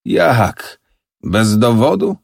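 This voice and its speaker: A man's voice: mid-range voice, very animated, very slow, creaky, no room sound, clean studio sound, full character voice. A man voicing a middle-aged professor and father, agitated, emphatic and stubborn, in an audiobook. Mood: distraught.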